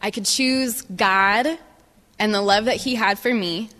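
Bright-voiced woman giving testimony in a hall. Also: mid-range voice. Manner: measured, pausing for translation. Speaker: guest speaker. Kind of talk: testimony talk with interpreter. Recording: reverberant hall.

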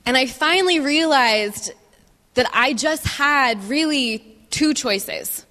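A woman giving a personal testimony as a guest speaker, speaking in measured phrases and pausing for an interpreter. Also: high-pitched, animated, sharp tone. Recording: reverberant hall.

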